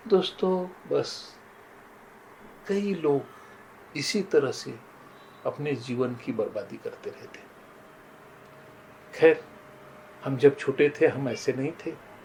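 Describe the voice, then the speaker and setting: A man's voice: mid-range voice, slow pace, pauses often, darkish tone, a little hiss or hum, rough recording. An older man shares moral stories in a sincere, storytelling manner, often turning to his listeners as friends. His voice sits in a middle register, and a faint room ambience hums behind him. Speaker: motivational speaker. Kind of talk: motivational talk with personal stories.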